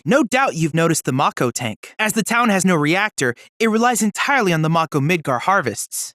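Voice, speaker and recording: A young android boy researcher from a video game speaks in scripted dialogue, courteous, eager and bookish, with an earnest, informative mood. His high voice uses formal, precise diction and a lively, varied melody. The recording is dry and studio-clean, free of room sound.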